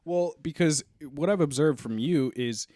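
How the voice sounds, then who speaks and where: A man's voice: a little high, normal speed, warm tone, dry recording, clean studio sound. A man co-hosting a casual podcast, talking bluntly and jokingly, with plenty of swearing. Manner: blunt, joking, profane, supportive. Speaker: podcast co-host.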